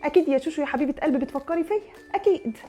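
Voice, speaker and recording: A woman's voice: high voice, racing, warm tone, faint music behind. A young woman with an Egyptian accent acting in a comic sketch, coaxing and pushy as she talks a neighbor round. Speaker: comedy sketch creator. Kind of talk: comic one-sided phone-style sketch.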